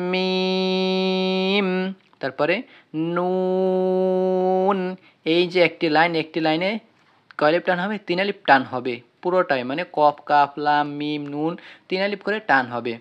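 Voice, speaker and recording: A Quran reading teacher giving an online lesson, stretching out letter names loudly and quizzing the listener with repeated questions. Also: medium pitch. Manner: drawn-out, sung-out letter names in call-and-response drills. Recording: slightly dull, lo-fi audio.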